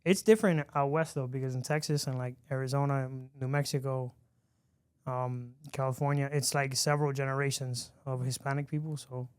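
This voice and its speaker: Male podcast host, smooth clear tone, dry close sound, relaxed chatty delivery with restarts. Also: medium pitch, a little fast, no room sound. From lives in Miami. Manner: easygoing, chatty, frequent restarts and laughs. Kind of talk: casual interview chat.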